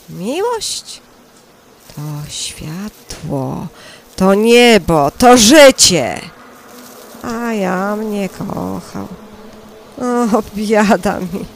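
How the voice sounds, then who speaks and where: A woman playing a young, lovesick male shepherd, reciting lyrical verse. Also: mid-range voice. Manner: lyrical, lingering delivery.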